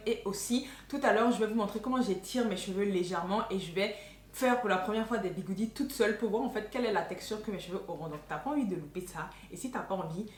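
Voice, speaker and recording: A woman's voice: mid-range voice, slight background noise. A woman beauty vlogger talking casually about her hair-care routine and explaining products to the camera. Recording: echoey room.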